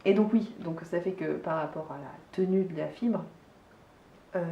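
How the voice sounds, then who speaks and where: This knitting vlogger has a lowish, creaky, dark voice and a French accent. Chatting casually about her knitting and hand-spun yarn, she hesitates and restarts a lot, recorded from afar in a dull, echoey room with slight background noise.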